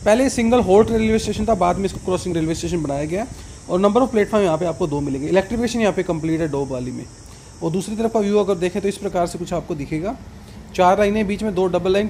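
A man giving live, brisk commentary on a train journey, full of times and train details, filmed on a phone aboard the train and on a railway platform outdoors. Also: sits high. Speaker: train travel vlogger. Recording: loud train and outdoor noise.

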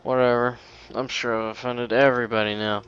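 A man's voice: mid-range voice, level tone, a little fast, a bit bright, clean tone, muffled recording. A man giving casual, rambling commentary over a video game, swearing often and mocking himself. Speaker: let's play gamer.

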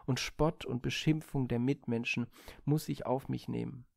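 A man's voice: mid-range voice, fairly even intonation, moderate pace, creaky, a little mellow, dry recording, clean studio sound. A man voicing Phaethon, a proud yet earnest young man who speaks hesitantly and pleadingly to his divine father in a storybook reading.

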